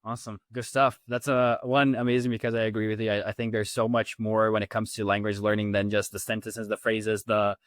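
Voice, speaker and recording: A man's voice: fairly low pitch, little pitch movement, fairly quick, few pauses, no room sound, studio quality. A man from Latin America hosting a podcast interview in a casual, conversational way. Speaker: podcast host.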